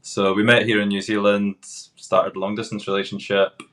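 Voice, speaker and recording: Scottish man, 30s, low steady voice, easygoing interview guest. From Scotland, Glasgow. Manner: relaxed, unhurried, frequent hesitant fillers. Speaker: podcast guest, tour guide. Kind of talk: casual interview chat.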